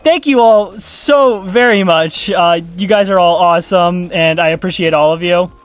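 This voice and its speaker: Over faint background music, a YouTube commentator with a fairly high voice rambles sarcastically through casual video commentary at normal speed, swearing freely.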